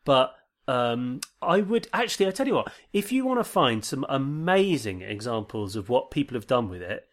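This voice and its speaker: Male podcast co-host, mid pitch, easygoing, reads aloud and chats. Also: big pitch swings, moderate pace, hardly any pauses. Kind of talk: casual chat and reading listener email.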